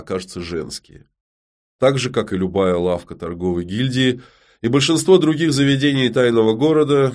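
A man narrates a fantasy audiobook in a fairly low voice. His reading stays steady and expressive throughout. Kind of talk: scripted narration.

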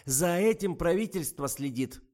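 A man reading an audiobook and voicing a greedy, bullying old woman who shouts her accusations in a high, drawn-out voice. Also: lively intonation, close to an everyday voice. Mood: shrill accusing.

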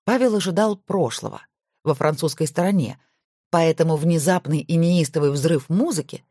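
A woman narrating an audiobook with expressive storytelling. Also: low-pitched, normal speed, no room sound, clean studio sound.

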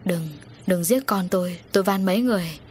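A woman's voice: fairly low pitch, brisk, a little mellow, a little hiss or hum, lightly acted. A woman voicing a feverish older man who rambles and pleads in delirium, in a storybook reading. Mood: delirious.

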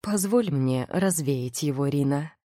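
A woman playing a sleepy, teasing young male warlock husband who speaks low, muffled and warm. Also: moderate pace, dry recording, clean studio sound. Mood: drowsy, teasing.

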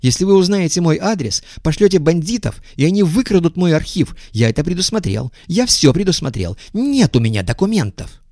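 A man voicing a jittery scheming man with a thin, squeaky voice who stammers as he bargains. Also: big pitch swings, fairly quick, a little mellow, dry recording, clean studio sound. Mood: insistent.

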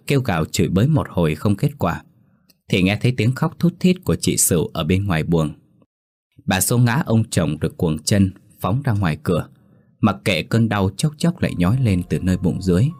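A man narrating a horror story in a steady, dramatic storytelling manner. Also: low-pitched.

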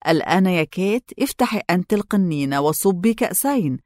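A woman's voice: on the low side, animated, fairly quick, darkish tone, no room sound, clean studio sound, close to an everyday voice. A woman voicing a doting, coaxing older mother. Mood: affectionate. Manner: affectionate, coaxing. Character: doting older mother figure, fond and insistent.

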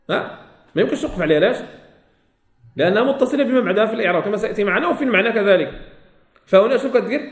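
A man with a Moroccan Arabic accent teaching Quran recitation, explaining points, repeating key phrases and quizzing his students. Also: high voice. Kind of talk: religious lesson explanation. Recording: echoey room.

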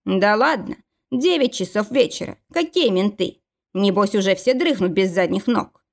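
A woman voicing a calm, mocking young male gang guard in an audiobook, with a relaxed, teasing manner. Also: on the high side, unhurried. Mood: easygoing.

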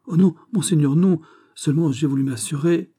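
A man voicing a frightened, fawning prison governor who pleads in a flustered, higher voice. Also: normal speed, warm tone, husky. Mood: anxious.

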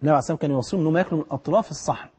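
A middle-aged man with an Egyptian Arabic accent preaches a storytelling sermon in a husky, slightly high voice, talking rapid-fire. He's animated, acting out the people in his story.

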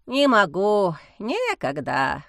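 A woman doing a gruff grumbling swamp spirit. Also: medium pitch, sing-song, takes it slowly, a bit bright, no room sound, studio quality. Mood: weary. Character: grumpy stern male swamp spirit.

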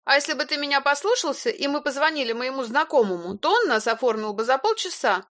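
A woman reading an audiobook, voicing a fussy young woman with a nasal, slightly husky voice and a needling, wheedling manner. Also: high-pitched, lively intonation, fast talker, fairly bright tone, voice pushed up. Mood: irritated wheedling. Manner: whiny, needling, sugary then cold. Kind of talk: audiobook character voice.

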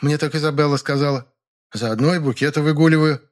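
A man's voice: fairly high pitch, fairly even intonation, fairly quick, voice pushed up, natural voice. A male narrator puts on a coy older actress from a storybook. He raises his voice for her and keeps it light and giggly. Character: older woman, famed stage actress, coy.

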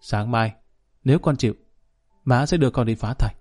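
A cold, blunt mother, as a male narrator reads her, laying things out in a dry, even voice. The tone is mellow and mid-pitched, nearly the storyteller's own. She never rises to meet the drama. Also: normal speed, faint music behind, close to an everyday voice. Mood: cold steady. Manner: flat, even, dry delivery. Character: cold, blunt middle-aged mother, calm and unyielding.

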